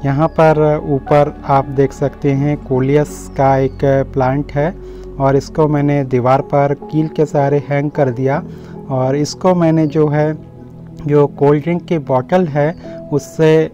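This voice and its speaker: A man with a fairly high, warm voice hosts a home gardening channel, giving a casual, explanatory garden tour and speaking to viewers in a friendly, direct way. The audio is slightly muffled, with instrumental music playing underneath.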